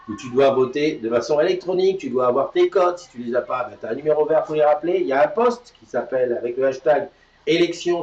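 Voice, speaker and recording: A man's voice: mid-range voice, darkish tone. A chatty, upbeat man hosting a live morning show, joking with his co-host and slipping in announcements. His voice sits a little far from the mic in a roomy space, and the sound is dull. A faint hiss runs underneath. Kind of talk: casual live chat.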